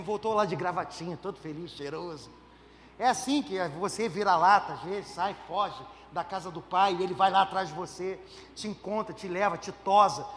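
A man's voice: high voice, in a large hall, slight background noise. A man, a pastor preaching a conversational sermon full of rhetorical questions and humor. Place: church.

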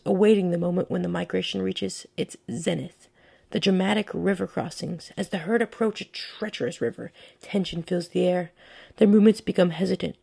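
Husky, low-voiced woman narrating nature documentary. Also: warm tone. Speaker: podcast host.

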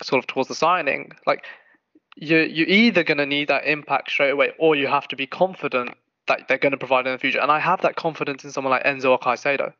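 A man's voice: on the high side, no room sound. Man hosting a football podcast. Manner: thinks out loud, poses hypotheticals. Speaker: podcast host. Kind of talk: casual football chat. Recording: dry, dull lo-fi mic.

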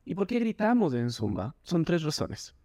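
A man, a doctor and Zumba instructor, talking with animated energy in a podcast interview, acting out quotes in a higher voice. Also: normal speed, dry recording, studio quality. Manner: animated, jumps in pitch when quoting people. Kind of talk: enthusiastic interview talk.

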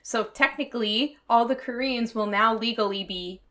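A woman's voice: on the high side, normal speed, fairly bright tone. A woman in her twenties chatting casually as a co-host. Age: 20s. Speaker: podcast co-host. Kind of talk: casual chat.

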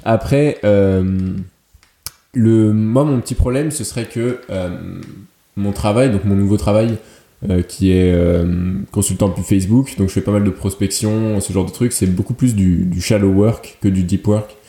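A man with a low, very dark and mellow voice explains his views in a casual podcast. He pauses often to think. His voice rings in a roomy, echoey space. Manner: reflective, explanatory, hesitant. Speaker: podcast co-host. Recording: roomy echo.

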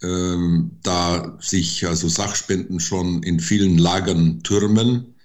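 An older man giving interview answers slowly, halting with many fillers. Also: low-pitched, steady tone, a little mellow. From Germany. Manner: slow and hesitant, many fillers. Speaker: interview guest, forester.

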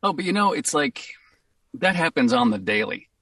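A man with a Boston accent, a voice actor, talking in a casual interview in an upbeat, excitable way and laughing easily. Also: a little high, normal speed, dry recording, studio quality, recorded from a distance. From Boston, USA. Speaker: voice actor guest.

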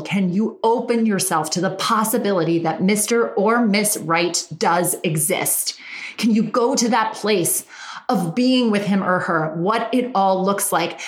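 A woman with a Valley Girl accent, a relationship coach giving a chatty, emphatic motivational talk. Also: medium pitch. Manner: chatty and emphatic, repeats words for stress. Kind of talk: motivational monologue. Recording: roomy echo.

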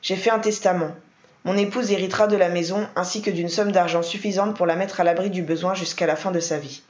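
A woman's voice: on the low side, steady tone, fairly quick, close to an everyday voice. Woman reading as a cold, curt older head of house; audiobook, roomy and muffled. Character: stern older wealthy man, head of the house. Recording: roomy, dull lo-fi.

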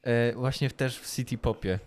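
A man's voice: mid-range voice, steady tone, normal speed. A man with an ordinary mid-range voice co-hosting an unscripted podcast. He talks in an easy, chatty way, explaining things and slipping in jokes. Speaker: podcast co-host. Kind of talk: casual improvised chat.

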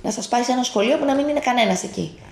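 A woman at home reads a children's picture book aloud, pausing often to ask her listener questions. Her fairly high voice has a gravelly edge. The room echoes and there is a faint noise behind her. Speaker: parent reading to a child.

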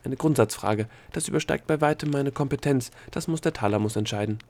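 A man's voice: medium pitch, fairly quick, darkish tone, voice pushed up, natural voice. A man voicing a cool, pedantic female bureaucrat in an audiobook. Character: prim female brain bureaucrat. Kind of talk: audiobook character voice.

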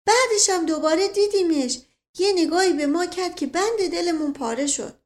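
A woman's voice: very high-pitched, pitched above the performer's own voice. Woman voicing a boastful old manservant. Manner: rambling tall-tale telling. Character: boastful old male family servant, folksy.

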